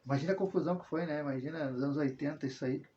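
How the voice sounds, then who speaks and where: He talks rapid-fire in a fairly high male voice with a darkish tone, and a little hiss or hum sits under the dull lo-fi audio. A religious video host from southern Brazil, he rambles through a casual personal monologue, constantly adding tag questions and correcting himself.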